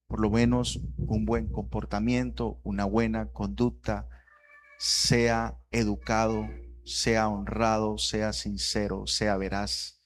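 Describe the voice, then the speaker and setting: A man in his thirties, a pastor, preaching a sermon that moves from quiet reflection to loud, rising repetition. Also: fairly low pitch, a little hiss or hum.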